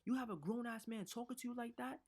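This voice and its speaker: A man's voice: on the high side, animated, brisk. A man voicing his protective, angry mother laying down terms. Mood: firm. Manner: firm, confrontational.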